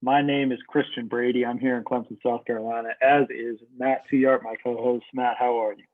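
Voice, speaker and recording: A young man co-hosting a casual hockey podcast, chatty and relaxed, laughing easily. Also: medium pitch, a little fast, no room sound. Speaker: podcast co-host. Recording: dry tinny phone-like line.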